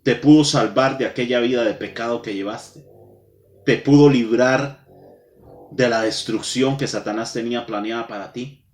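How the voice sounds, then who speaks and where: A man's voice: mid-range voice, fairly even intonation. Preaching man in an echoey room. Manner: dramatic pauses, slows for emphasis, addresses the congregation directly. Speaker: pastor. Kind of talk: sermon. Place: church. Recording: echoey room with soft music behind.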